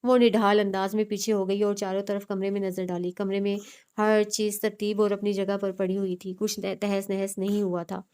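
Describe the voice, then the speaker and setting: A woman narrating a novel with steady, expressive storytelling. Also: mid-range voice, normal speed, clear, resonant tone. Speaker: audiobook narrator. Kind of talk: novel reading.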